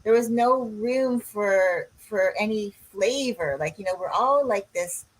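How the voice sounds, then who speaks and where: A woman's voice: mid-range voice, a little slow, low-quality recording. A woman, a coach co-hosting a podcast in casual chat, rambling and drifting off on tangents. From Canada. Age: 60s.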